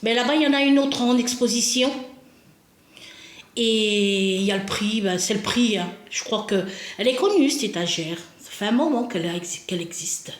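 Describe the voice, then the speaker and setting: A woman's voice: fairly high pitch, animated, moderate pace. Chatty, self-mocking woman in an echoey room. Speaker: home vlogger. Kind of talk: casual chat while decorating a shelf. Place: indoors at home.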